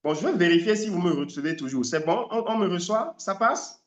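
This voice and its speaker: A man's voice: sits high, brisk, highs cut off. Echoey man coaching English. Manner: lively, emphatic, stops to hunt for words. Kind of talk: live online training talk.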